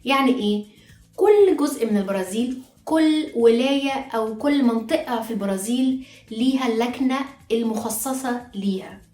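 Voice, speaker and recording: A woman's voice: on the high side, normal speed, mellow. A woman with an Egyptian Arabic accent, patiently teaching pronunciation step by step, repeating each example word aloud. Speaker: Portuguese teacher. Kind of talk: online language lesson. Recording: echoey room with faint music.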